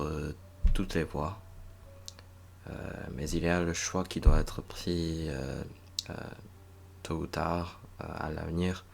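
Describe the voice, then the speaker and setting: A young man from northern Virginia, a native English speaker, talking slowly and hesitantly in a reflective monologue, with many pauses and restarts. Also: extremely low pitch, creaky, a little hiss or hum. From United States (northern Virginia). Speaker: recent master's graduate vlogger.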